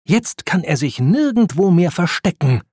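A man voicing a clever, brave female spy car in a storybook, with a raised, lively voice. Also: high-pitched, a little slow, breathy edge, no echo, studio quality, pitched above the performer's own voice, full character voice. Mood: determined. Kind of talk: storybook reading.

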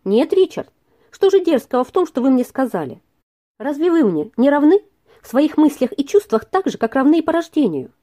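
A woman reading aloud and voicing a lively, impatient young lady with a bright, teasing manner. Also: high voice, a little fast, voice pushed up. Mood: pleading.

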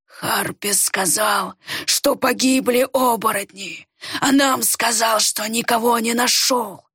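Woman doing a slow, grieving old father. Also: on the high side, fairly bright tone, breathy edge, no echo, clean studio sound, heavily acted. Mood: stunned. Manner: slow, drawn-out, pleading.

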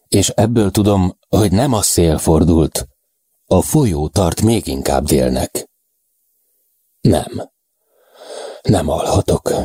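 Deep, dark-voiced man for a first-person audiobook, measured and even, dry close sound. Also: husky, dry recording. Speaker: audiobook narrator.

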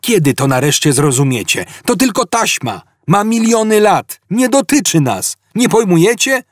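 Loud cocky space captain dude, as a guy reads him, pitched way up, jumpy. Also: very animated, moderate pace, breathy edge. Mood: brash. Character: brash, excitable male spaceship captain.

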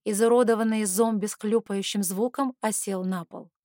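A woman's voice: mid-range voice, normal speed, dry recording, studio quality. Woman narrating a fantasy audiobook. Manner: lively, character-rich reading.

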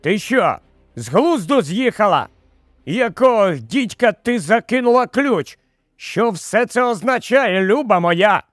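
A man's voice: sits high, big pitch swings, measured pace, dry recording, clean studio sound. A man reading a story, voicing a husband who brushes off his wife's worries in disbelief. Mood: incredulous. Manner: brushing off worry, incredulous. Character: puzzled, dismissive husband, middle-aged man.

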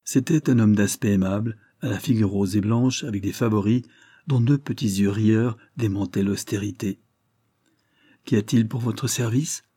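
A man reads literary narration in a measured, steady way. His voice is dark and mellow with a husky edge. The sound is close and dry, with no room around it. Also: on the low side, dry recording. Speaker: audiobook narrator.

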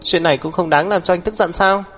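A man voicing a sulky, tearful young woman who shouts back in shrill, defiant outbursts, in an audiobook. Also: quick pace, long reverb tail, soft background music. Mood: tearful, indignant. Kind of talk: audiobook character voice.

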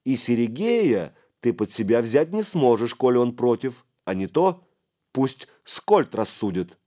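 A man doing a calm, steady companion. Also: medium pitch, unhurried, pitched above the performer's own voice.

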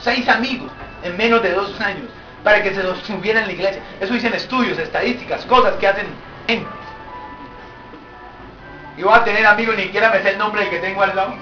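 A man preaches to his church in a high, ringing voice, joking with the congregation and building up to shouts. The sound is roomy and picked up from a distance, with soft music behind him. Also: a little fast, lo-fi sound. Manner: lively preaching, jokes with congregation, rises to shouts. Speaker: pastor. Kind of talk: sermon. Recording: echoey church hall, from far off.

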